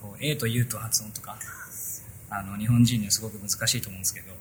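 A man's voice: fairly low pitch, steady tone, fast talker, noisy background. A man hosting a casual tech podcast, chatting loosely through a sponsor spot with many fillers. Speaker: podcast host.

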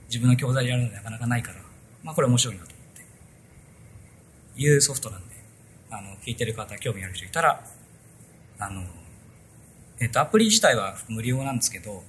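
This is a casual tech podcast, where a man with a mid-range, slightly bright voice chats loosely through a sponsor spot, filling it with lots of fillers. A little hiss or hum sits under the recording.

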